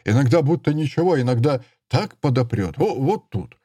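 A man reading an audiobook voices a seventy-year-old mischievous drunk carpenter with a creaky, querulous, nagging voice. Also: mid-range voice, lively intonation, normal speed, dark tone, dry recording, studio quality. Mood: scornful grumbling. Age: 70s. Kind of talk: audiobook character voice.

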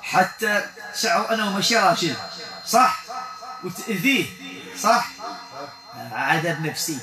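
A man's voice: sits high, animated, a little slow, reverberant, recorded from a distance, music in the background. A man with a Moroccan Arabic accent leading a Quran healing session. He coaxes and questions, repeating short questions and prayers. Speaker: Quran healer.

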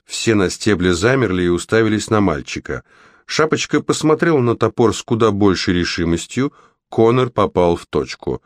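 Audiobook narrator, man, animated storytelling, low-ish, dry booth sound. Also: moderate pace, dry recording.

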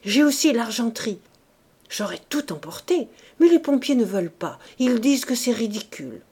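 A woman's voice: on the high side, animated, normal speed, mellow, voice pushed up. A woman doing a flustered, pompous old judge. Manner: stammering, flustered.

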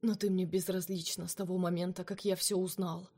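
A woman's voice: lowish voice, little pitch movement, fairly quick, dark tone. A bitter, jealous man speaks in cold, cutting tones, sometimes close to a hiss. A woman reader plays him in her own voice for a romance audiobook. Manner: cold, cutting, at times hissed.

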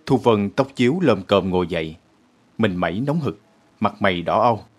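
A male storyteller reads aloud in a low, husky voice. He narrates steadily and evenly. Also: animated, moderate pace, faint music behind. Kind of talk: storybook reading.

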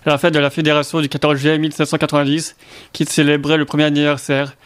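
Masked man presenting radio, fairly high, even voice. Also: fast, dry recording. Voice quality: speaking through a face mask. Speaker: radio show host. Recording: loud music behind the voice. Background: loud music.

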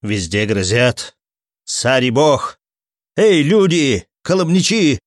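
A man's voice: mid-range voice, sing-song, slow, no room sound, clean studio sound. Man acting out a bold, agitated young townsman. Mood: urgent. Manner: shouted warnings, raised urgent voice.

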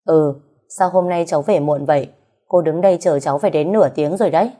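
A woman's voice: low voice, mellow. Woman voicing a blunt middle-aged landlady. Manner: curt, brisk.

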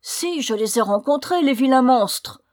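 A woman's voice: fairly high pitch, fast, darkish tone, close to an everyday voice. A woman voicing a spoiled, bad-tempered young girl who is sulky and scornful, in a storybook reading.

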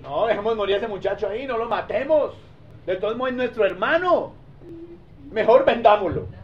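A preacher acting out a scheming older brother who softly and quickly talks the others into selling their sibling, on a dull lo-fi recording. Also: male voice, high-pitched, lively intonation. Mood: persuasive. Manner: quick, soft, persuasive. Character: scheming older brother turned merchant-minded.

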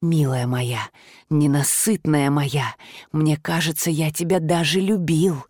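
A woman voicing a soft-spoken, menacing male master who can change his shape, in a storybook reading. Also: low voice, steady tone, no echo, clean studio sound, voice pushed down. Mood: insinuating. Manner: quiet, insinuating, slow.

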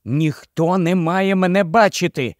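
Man doing a runaway young lady, urgent and hissy, higher voice, dry sound. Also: unhurried, dry recording. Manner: urgent, hissing, pleading.

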